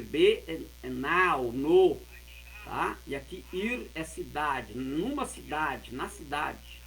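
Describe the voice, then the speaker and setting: A man teaching a lesson, explaining and repeating words slowly and carefully. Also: on the high side, fairly bright tone, low-quality recording. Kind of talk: explaining Hebrew words of a Bible verse.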